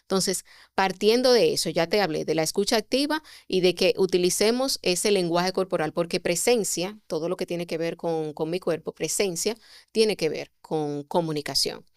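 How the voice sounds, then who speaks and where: A woman, a communication mentor, explaining sales techniques as a podcast guest with expressive delivery and rhetorical questions. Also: on the low side, moderate pace, clean tone, no room sound, studio quality.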